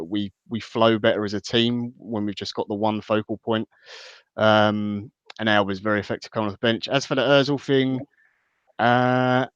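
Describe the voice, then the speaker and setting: Smooth lowish guy doing casual footy analysis, measured, bit hesitant, slightly muffled lo-fi sound. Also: no room sound. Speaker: guest football pundit.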